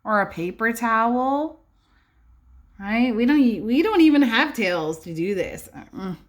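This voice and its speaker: An early-years classroom teacher, a woman, reads a picture book aloud at storytime in an animated way for young children. She is unhurried, highly expressive and instructive, often checking in with rhetorical questions and adding asides.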